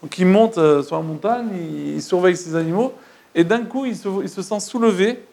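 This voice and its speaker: A man casually retelling religious stories to listeners, halting and repeating words as he goes, often checking that they follow. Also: sits high, vocal fry, a little mellow. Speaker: storyteller.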